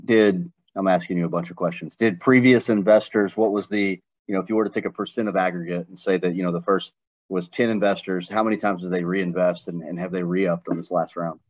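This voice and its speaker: Slightly dull, dry audio of a man with a lowish voice. He is direct and inquisitive, putting probing business questions to someone in conversation. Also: steady tone, brisk, dry recording. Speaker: questioner assessing an investment.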